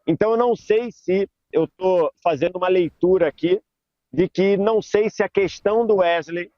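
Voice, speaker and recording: A man reporting from the stadium to a sports debate panel, slow and reflective as he recounts what he saw. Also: high voice, dry recording, highs cut off.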